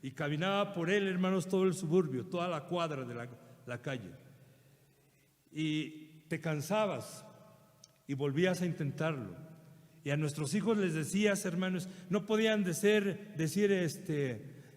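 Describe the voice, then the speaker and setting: A man's voice: fairly high pitch, measured pace. A middle-aged man with a Mexican accent preaching a sermon earnestly, often addressing his brothers. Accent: Mexican Spanish. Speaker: pastor. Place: church hall. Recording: long church reverb.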